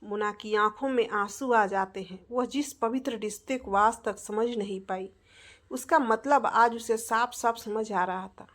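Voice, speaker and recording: Higher-voiced woman telling a family story. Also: measured pace, a bit bright. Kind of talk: scripted story narration.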